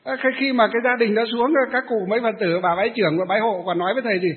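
A male Buddhist monk tells a story in a dharma talk, halting often on small fillers. His voice sits high. The sound is narrow and tinny, like a phone call. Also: fairly even intonation. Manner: storytelling with many hesitant fillers.

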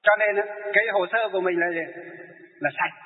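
A man's voice: high voice, a little fast. A male Buddhist monk giving a sermon, posing questions and answering them himself. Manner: rhetorical questions he answers himself, lively storytelling. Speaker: Buddhist monk teaching lay followers. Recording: echoey hall through a tinny narrow line.

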